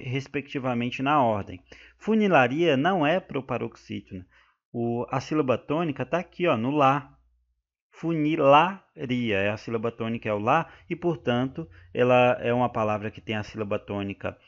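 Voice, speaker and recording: A Brazilian man teaching an online grammar lesson, his voice of ordinary middle pitch. He explains patiently and methodically, often addressing his students directly. The recording sounds dull and lo-fi. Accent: Brazilian Portuguese. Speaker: exam-prep teacher. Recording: muffled lo-fi recording.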